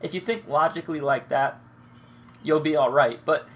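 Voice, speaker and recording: His voice leans high and fairly bright, moving at a moderate pace, as this young man comments on his gameplay. He has a cold and a congested nose, and he meanders casually, cursing without restraint.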